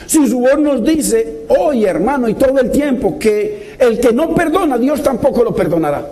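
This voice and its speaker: A man's voice: very high voice, expressive, normal speed, warm tone. A man preaching a sermon, exhorting his congregation with repeated direct address and impassioned questions.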